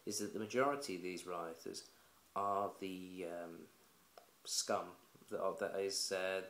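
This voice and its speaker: A man from England talks to camera at home for his own vlog, offering frank, plain-spoken opinions in a casual way. His deep voice holds a steady tone at a measured pace and sounds a bit bright, recorded in a roomy, echoey space.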